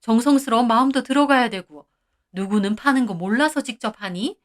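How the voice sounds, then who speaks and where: Stern mother-in-law, slow reproachful scolding, fairly high voice, read by a woman. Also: natural voice.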